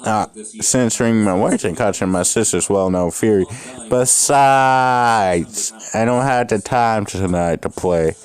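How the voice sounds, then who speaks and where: A young man with a lowish, unhurried voice reads a fan story aloud in a casual way. He stumbles over lines and keeps breaking off to crack jokes and swear.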